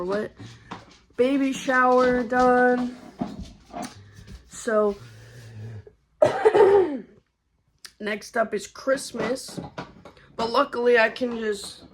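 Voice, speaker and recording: A woman's voice: fairly high pitch, animated, slow pace, long pauses, a little hiss or hum. A young woman vlogging a casual update about her pregnancy, chatty and slangy, and out of breath from being heavily pregnant. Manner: chatty, slangy, laid-back.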